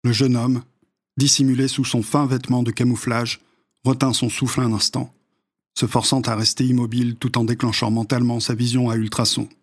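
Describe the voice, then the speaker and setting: A male narrator reads a story aloud. His voice sits at an ordinary middle pitch. He keeps a steady, measured reading pace throughout. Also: husky. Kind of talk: audiobook narration.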